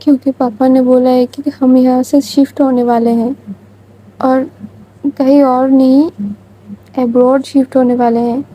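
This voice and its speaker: Woman doing a lovesick young woman, pleading and hurt, husky high voice, unhurried, storybook. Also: flat delivery, lo-fi sound. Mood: sad. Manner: pleading, hurt self-justifying. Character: heartbroken young woman secretly in love.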